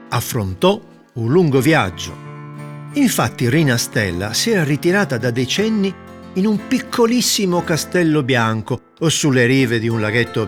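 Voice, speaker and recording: A man narrating a fairy tale in an expressive, lilting storytelling manner. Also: medium pitch. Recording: narration over guitar music.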